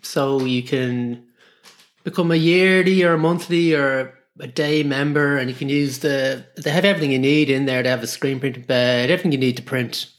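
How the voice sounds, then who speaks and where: An Irish man in a casual interview as a guest artist, explaining his work in a halting, repetitive way. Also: mid-range voice, steady tone. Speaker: guest artist and screen printer.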